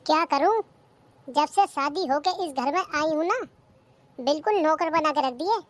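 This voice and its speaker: A performer voicing a lazy, cheeky young daughter-in-law in a cartoon comedy, who answers back. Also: female voice, high-pitched, unhurried.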